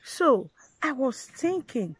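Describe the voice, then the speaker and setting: A woman vlogger earnestly recounting her life story to viewers, talking in halting phrases that she often repeats and restarts. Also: high voice, big pitch swings, slight background noise, low-quality recording. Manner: earnest, addresses viewers directly. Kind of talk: personal storytelling to camera.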